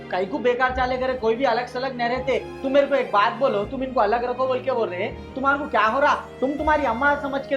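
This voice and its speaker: A man's voice: extremely high pitch, lo-fi sound. A man playing a son who lectures his mother and in-laws in a comic family skit. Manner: fast, preachy, lecturing. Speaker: son and peacemaker in a family sketch.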